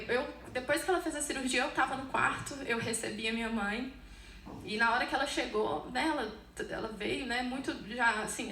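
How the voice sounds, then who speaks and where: Gravelly Brazilian woman giving church testimony. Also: sits high, fairly bright tone, roomy sound, distant mic, slight background noise. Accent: Brazilian Portuguese. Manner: earnest, halting, many restarts. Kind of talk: personal testimony.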